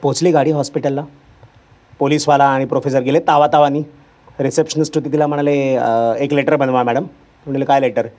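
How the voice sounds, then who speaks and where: A male stand-up comedian with a mid-range voice tells a story on stage before a live audience at a fairly quick pace. He's animated, acting out the people in the story and their lines.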